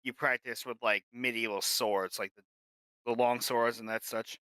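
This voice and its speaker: A man playing a tabletop game, explaining things slowly and rambling with fillers. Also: medium pitch, fairly even intonation, bright, forceful tone, clean tone, no echo. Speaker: player. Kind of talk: casual tabletop banter.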